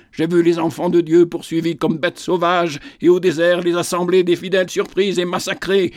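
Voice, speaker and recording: A man's voice: high-pitched, a little mellow, dry recording, clean studio sound, lightly acted. A man voicing a wrathful, grieving old peasant prophet who preaches in impassioned tirades. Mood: raging.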